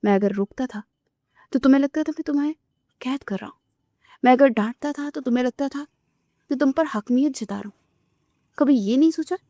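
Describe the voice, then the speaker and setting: A woman's voice: sits high, long pauses, mellow, no room sound, close to an everyday voice. A woman voicing a stern young man in a novel reading, speaking bitterly and wearily. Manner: bitter, tired.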